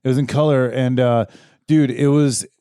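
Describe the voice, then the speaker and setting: A man's voice: medium pitch, fairly even intonation, moderate pace, warm tone, smooth, no echo, clean studio sound. A man co-hosting a casual comedy podcast, telling stories with easy enthusiasm and casual swearing. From Southern California. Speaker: podcast co-host.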